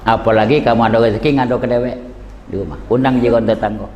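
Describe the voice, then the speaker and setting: A man in his sixties with a Palembang Malay accent, preaching an emotional sermon that swings from low talk to high cries. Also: steady tone, fast talker, highs cut off, a little hiss or hum. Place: large prayer hall at a religious gathering. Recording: echoey hall with long reverb.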